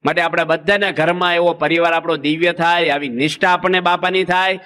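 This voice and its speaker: Humorous sermon by a male monk preacher, high and bright, folksy storytelling. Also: fairly even intonation, fairly quick, clear, resonant tone. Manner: folksy, acts out village anecdotes with quoted voices.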